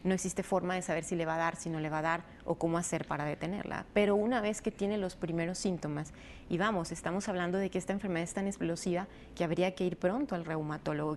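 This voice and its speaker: A woman doctor answers interview questions in a lowish voice, explaining step by step with fillers here and there. Faint noise hums behind her. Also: darkish tone. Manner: explanatory, measured, frequent fillers. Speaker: rheumatologist guest.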